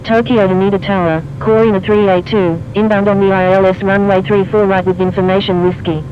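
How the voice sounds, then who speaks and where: A man's voice: high-pitched, little pitch movement, a little fast. A man voicing an airline pilot making calls over a cockpit headset radio, with clipped, formal phrasing. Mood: calm. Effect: pilot radio call over a cockpit headset. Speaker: airline pilot reading back instructions. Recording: muffled radio with faint noise.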